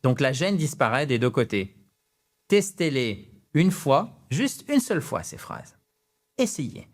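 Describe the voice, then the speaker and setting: A man with a French accent, an English teacher giving a direct-to-camera lesson in a lively, chatty way with self-mocking asides. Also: medium pitch, unhurried.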